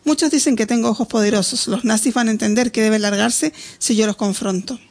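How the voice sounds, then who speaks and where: A woman plays an exalted visionary in an audiobook, proclaiming her powers with fierce insistence. Her voice carries a gravelly edge. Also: on the high side, fairly even intonation, brisk, darkish tone.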